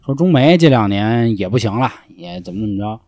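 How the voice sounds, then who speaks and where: Lively guy telling school stories. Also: on the low side, a little fast. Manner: animated, swears freely, acts out shouts in the story. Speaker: storyteller guest. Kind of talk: casual storytelling chat.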